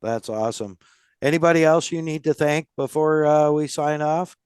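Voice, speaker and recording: A man's voice: a little high, normal speed, a little mellow, clean tone, no echo, clean studio sound. A man hosting a casual podcast, friendly and loose, laughing often. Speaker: podcast host.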